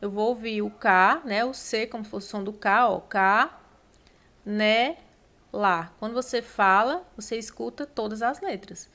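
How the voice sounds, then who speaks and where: A Brazilian woman teaching a grammar lesson for exam takers. She explains step by step, spells words out slowly and keeps checking in with her listeners. Her voice sits at an ordinary middle pitch. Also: fairly bright tone. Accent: Brazilian Portuguese. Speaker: Portuguese teacher.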